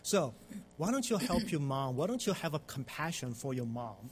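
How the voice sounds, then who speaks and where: A man preaching a sermon in short phrases and pausing so an interpreter can follow, with frequent fillers. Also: fairly high pitch, big pitch swings, slight background noise. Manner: halting, with frequent fillers and pauses between phrases. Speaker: pastor.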